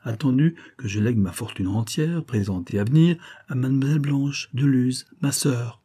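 Man reading as a calm young nobleman. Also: mid-range voice, normal speed, slightly rough, pitched above the performer's own voice, close to an everyday voice. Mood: grave. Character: young male nobleman, calm and resolute before a duel.

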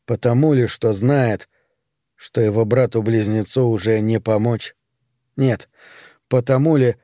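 A man narrating a story as an audiobook reader, in a measured, grave storytelling manner. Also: mid-range voice, dark tone, no echo, clean studio sound. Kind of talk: scripted narration.

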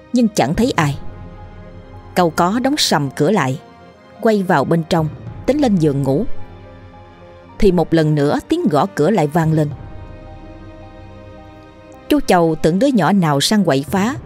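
A woman narrating a ghost story in a steady, suspenseful scripted style. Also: lowish voice.

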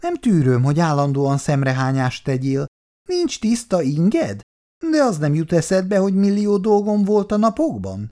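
In a dramatized reading of a 1960s family story, a woman voices an irritable young wife and mother. Her mellow voice swings widely in pitch as she complains shrilly and reproachfully, breaking into hysterical outbursts.

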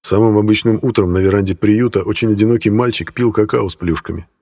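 A man narrating an audiobook in an even storytelling manner. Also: on the low side, quick pace, breathy edge, big-room sound.

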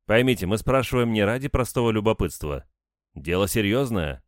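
Man voicing a calm, probing investigator. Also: on the low side, fairly quick, dry recording, clean studio sound, voice pushed up, close to an everyday voice. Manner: patient, polite, probing. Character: calm, persistent male investigator.

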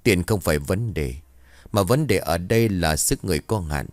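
A calm, wise old shaman, as a male narrator plays him, speaking in a deep, dry, measured voice. He sounds unhurried and knowing. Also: no echo. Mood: grave.

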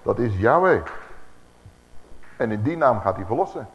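Preacher, male, lively rising-and-falling delivery, quizzes the crowd; dull lo-fi hall recording. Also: mid-range voice, moderate pace. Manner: animated, asks the audience rhetorical questions. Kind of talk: Bible teaching sermon. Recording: echoey hall, dull lo-fi sound, faint hiss.

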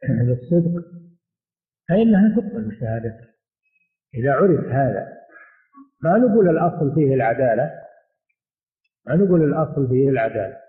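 A man teaching a religious lesson and answering questions, speaking in a measured way and often repeating his phrases. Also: medium pitch. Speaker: sheikh teaching hadith commentary. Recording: echoey room over a tinny phone-like line.

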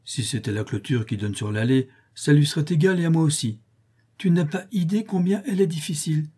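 A man's voice: a little high, fairly quick, dark tone, husky, pitched above the performer's own voice. A man voicing a cunning boy who talks in a coaxing, mock-casual way in an audiobook reading. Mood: sly. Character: cunning boy, sly and nonchalant.

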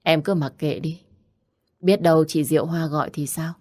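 A woman's voice: deep voice, steady tone, normal speed, mellow, no echo, studio quality. A woman reading the part of a young wife who speaks in a soothing but firm way in an audiobook. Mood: gentle. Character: calm, loyal young wife.

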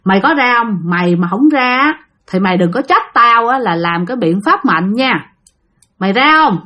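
A woman's voice: on the high side, lively intonation, normal speed, bright, forceful tone. A woman voicing a stern woman exorcist who orders a ghost around. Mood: commanding. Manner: brusque, commanding.

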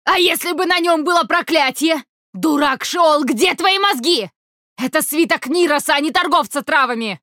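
A man's voice: sits high, moderate pace, fairly bright tone, smooth, no room sound, studio quality, pitched above the performer's own voice. A man voicing a brash, teasing little horned female demon in an audiobook. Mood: indignant. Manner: teasing, cheeky.

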